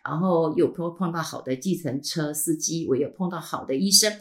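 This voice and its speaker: A woman's voice: deep voice, fairly quick, fairly bright tone. A middle-aged woman with a Taiwanese Mandarin accent, telling a personal story in a casual podcast chat, full of fillers and trailing "ha" tags, her throat still healing. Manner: chatty, frequent filler sounds and trailing "ha" tags. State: recovering from a throat illness. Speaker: podcast host.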